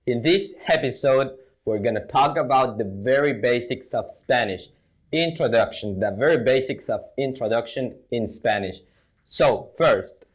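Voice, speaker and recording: A young Mexican man with a Mexican accent, teaching a casual language lesson and repeating words slowly for learners. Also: mid-range voice. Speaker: Spanish teacher.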